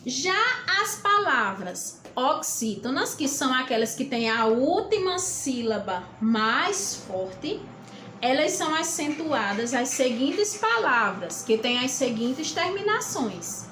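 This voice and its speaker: A woman teacher with a Brazilian accent gives a lesson, speaking slowly and deliberately and spelling out word endings letter by letter. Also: high voice, very animated, pushed and bright. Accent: Brazilian Portuguese. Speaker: school teacher. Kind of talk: recorded classroom lesson. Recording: roomy echo with faint background hum.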